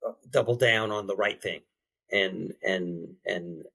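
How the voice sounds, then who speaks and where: Halting male podcast interviewer. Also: low voice, creaky, a bit bright, husky. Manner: halting, with many restarts and fillers. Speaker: interviewer and behavior change specialist.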